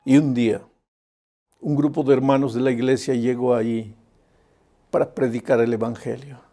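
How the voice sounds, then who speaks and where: A man's voice: mid-range voice, fairly even intonation, moderate pace, mellow. An older male preacher delivering an earnest evangelistic sermon, speaking directly to the listener. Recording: faint music underneath.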